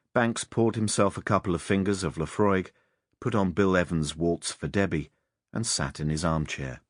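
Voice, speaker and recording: A man narrating a crime novel audiobook in a measured, expressive storytelling manner. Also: deep voice, dry recording, studio quality.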